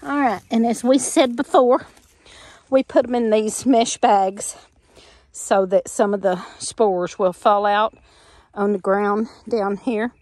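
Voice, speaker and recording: In a medium-pitched, darkish voice with fairly even intonation, a middle-aged woman speaks slowly with no echo. She narrates casually while walking and filming the woods behind her farmhouse, a chatty, folksy homestead vlogger who laughs readily and leans on fillers.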